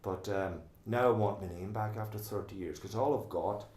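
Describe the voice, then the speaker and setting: Deep-voiced Irish man from Donegal. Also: moderate pace, a little mellow, roomy sound. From Ireland. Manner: talkative, restarts sentences, earnest. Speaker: oral history interviewee. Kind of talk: recorded oral history interview.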